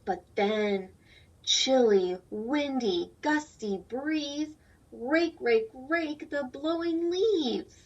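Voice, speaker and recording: During a read-aloud lesson for young children, a female teacher asks questions and explains simply. She speaks high, drawing out her words with a breathy edge. The sound is dull and lo-fi, distant from the microphone.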